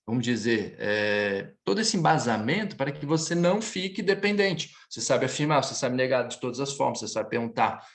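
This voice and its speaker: A male French teacher leading a live online class, his voice rising and falling in a lively way. He explains patiently and repeats phrases slowly for his students. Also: a little high.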